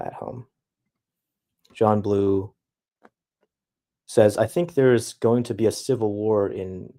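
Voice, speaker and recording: Soft-spoken young man reading chat. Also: lowish voice, gravelly. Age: young adult. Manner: halting, self-reflective, reads chat messages aloud. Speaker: streamer answering chat. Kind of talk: casual chat.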